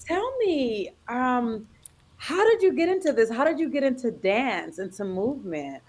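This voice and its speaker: A woman's voice: fairly high pitch, sing-song, measured pace. An American woman hosting a podcast interview, chatty and enthusiastic as she asks questions. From United States. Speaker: podcast host.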